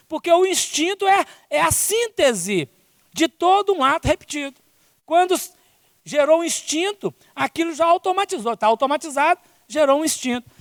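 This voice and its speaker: With a very high-pitched voice and a fairly bright tone, a man speaking with a Brazilian accent lectures on spiritism at a conference, often tagging his sentences with "né?" and "não é?". The studio-quality audio has long reverb from the conference hall's size.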